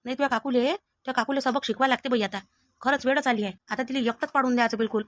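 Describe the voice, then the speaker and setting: Scolding Vidarbha Marathi woman, fast. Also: sits high, steady tone, dry recording, studio quality. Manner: scolding, blunt village-mother talk. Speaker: comedy sketch performer. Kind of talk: scripted family comedy sketch.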